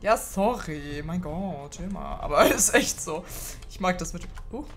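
A young woman giving casual let's play commentary, excitable, swearing and laughing a lot. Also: lowish voice, a little slow, soft background music. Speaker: gaming video host.

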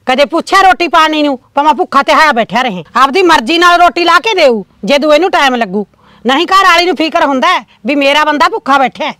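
A woman playing a nagging old village mother-in-law, Malwai Punjabi accent, high and piercing voice, rapid-fire scolding, quick bitter retorts. She keeps needling and never lets a point drop. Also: expressive, pushed and bright. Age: older. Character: sharp-tongued older village mother-in-law. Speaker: mother in a village family drama. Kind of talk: amateur village drama acting.

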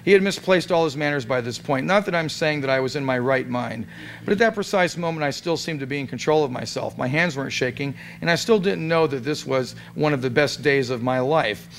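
A man giving a dramatic reading of a comic story at a gathering in a restaurant, in a deadpan, amused tone. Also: medium pitch, brisk, creaky, a little hiss or hum. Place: restaurant event room.

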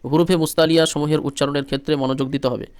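A man's voice: on the high side, fairly even intonation, rapid-fire, a little mellow, clean tone, dry recording. A man with a Bangladeshi Bengali accent teaching Quran reading, patiently spelling out syllables one by one in a repetitive drill.

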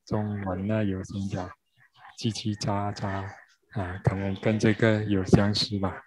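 A man interpreting a grammar lesson, spelling out syllables one by one with frequent pauses. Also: fairly low pitch, little pitch movement, poor audio. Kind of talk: slow spoken lesson.

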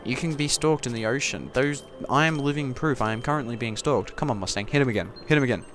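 A man giving goofy, casual gameplay commentary, talking to the game and breaking into sudden loud yelps. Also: mid-range voice, fast. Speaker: gaming commentator. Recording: game music behind the voice.

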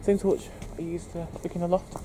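Exploring the woods at night, a young British vlogger talks casually to his viewers, sounding nervous and jumpy. He speaks a little fast in a high voice with little pitch movement. It's recorded on a handheld camera mic outdoors, and the audio is noisy.

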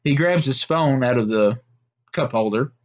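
A man narrating a made-up story in a steady, unhurried way, with small slips and restarts. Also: mid-range voice, muffled recording.

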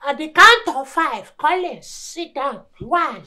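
A stern prophet who threatens curses and speaks with a Nigerian accent. His orders come slowly and deliberately. The voice is bright and sits very high. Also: animated, heavily acted. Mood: stern commanding. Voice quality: slow, commanding, threatening curses. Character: stern male prophet demanding obedience. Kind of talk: Nigerian gospel comedy drama.

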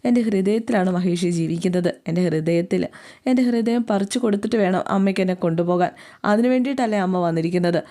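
A woman's voice: on the low side, quick pace, warm tone, natural voice. A woman voicing a hurt young wife, crying as she pleads and defies her mother. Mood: tearful. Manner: pleading, emotional.

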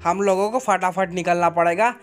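A man's voice: high-pitched, fairly even intonation, moderate pace, close to an everyday voice. A man voicing a boastful male cartoon cat who claims to be a soldier, bragging and dramatic in a fan-made game dub.

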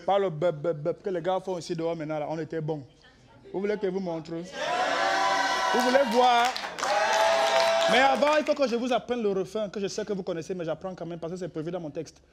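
A man doing a stand-up comedy routine on stage, telling stories in a lively, playful way with sudden shouts. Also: high voice, quick pace. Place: comedy stage before a live audience. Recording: live audience crowd noise.

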